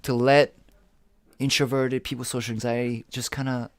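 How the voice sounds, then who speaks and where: A man in loose, profane conversation, his thoughts spilling out in restarts and asides. He is recorded close and dry, with no room sound around him. His pitch sits in a middling range. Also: normal speed, no room sound. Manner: rambling, profane, animated. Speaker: podcast co-host. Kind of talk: casual chat.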